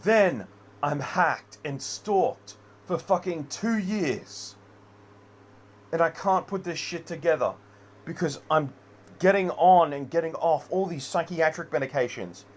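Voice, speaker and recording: A man's voice: on the high side, a little slow. A man in an unscripted personal rant, rambling, heavily profane and agitated. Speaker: vlogger.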